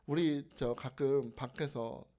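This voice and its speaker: A man preaching a sermon at a prayer house evening service, moving between quiet conversational asides and loud, impassioned cries of prayer. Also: mid-range voice, steady tone, slow. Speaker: pastor.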